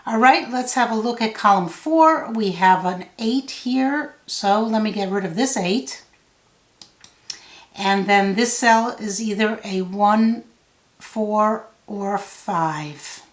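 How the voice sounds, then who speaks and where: A woman giving a solve-along tutorial, thinking out loud step by step in a measured way. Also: medium pitch. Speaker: puzzle tutor. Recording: roomy, echoey sound.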